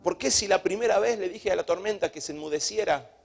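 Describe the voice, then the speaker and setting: A pastor playing a frightened missionary. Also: male voice, high-pitched, quick pace, gravelly, soft background music. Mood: indignant. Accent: Argentine Spanish. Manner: pleading, then elated. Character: frightened middle-aged male missionary praying.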